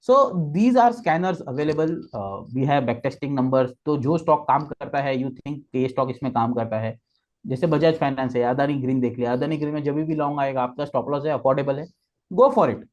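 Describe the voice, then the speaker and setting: At a moderate pace and medium pitch, a slightly mellow-voiced trading guest expert explains the charts one step at a time. He mixes Hindi and English and checks in with frequent "okay"s, all on a muffled recording.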